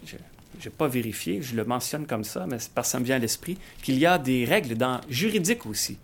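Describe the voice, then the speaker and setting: A man, reading Bible verses slowly and thinking aloud with some hesitation as he explains them. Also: mid-range voice, lively intonation, slight background noise. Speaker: Bible discussion speaker. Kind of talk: conversational Bible teaching.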